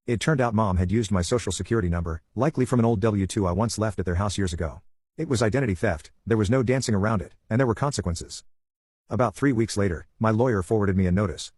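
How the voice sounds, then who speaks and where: A man narrating a first-person story in a calm, steady storytelling manner, recorded close on a studio mic. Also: fairly low pitch, slightly rough, dry recording.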